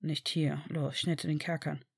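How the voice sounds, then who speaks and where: A woman voicing a young male student who speaks quietly and low, in an audiobook reading. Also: a little fast, no room sound, clean studio sound, lightly acted. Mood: hushed.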